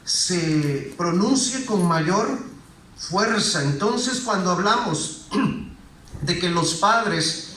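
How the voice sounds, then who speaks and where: A man's voice: high-pitched, expressive, very slow, a bit bright, a little hiss or hum. A man preaching a sermon as a pastor, engaging the congregation with frequent questions. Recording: roomy echo, voice heard from a distance.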